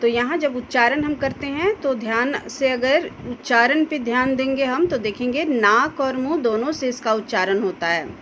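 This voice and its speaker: A woman teacher explaining a grammar lesson to students slowly, carefully pronouncing each example sound. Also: high-pitched, a bit bright, a little hiss or hum, low-quality recording. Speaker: school Hindi teacher.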